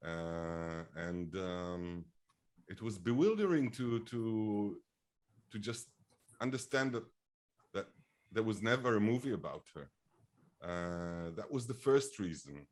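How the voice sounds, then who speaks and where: A film director in his fifties, born in Bulgaria, answering interview questions slowly, with many fillers and restarts. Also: lowish voice. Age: 50s. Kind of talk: interview conversation.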